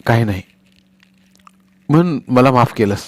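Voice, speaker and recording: A man voicing a proud, quick-tempered village boy in a storybook reading, fiery and insistent. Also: medium pitch, expressive, a little mellow, dry recording. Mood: remorseful.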